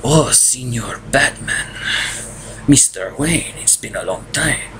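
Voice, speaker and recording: A man voicing a hulking, menacing masked male supervillain in a slow, exaggerated mock Spanish accent, as a mocking impression. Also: medium pitch, animated, creaky. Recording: noticeable background noise.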